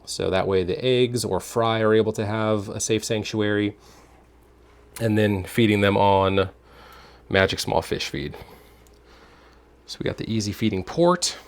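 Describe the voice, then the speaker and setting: This tour guide speaks a little slowly in a fairly low voice with fairly even intonation, pausing often. He guides the viewer through workplace rooms indoors in a casual, rambling vlog style, thinking out loud. Faint room and air-conditioning noise is present.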